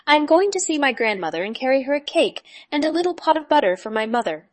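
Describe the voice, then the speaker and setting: A woman voicing a sweet, trusting little girl in a storybook, speaking high and eagerly. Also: big pitch swings, quick pace, no echo.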